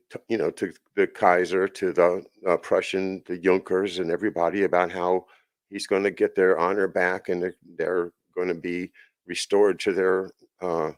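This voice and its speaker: A man with a very low, deep voice talks through a long solo monologue as host of his own show. He wanders from point to point, circling back with restarts and asides. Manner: rambling, with many restarts and asides. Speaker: podcast host. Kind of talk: casual monologue.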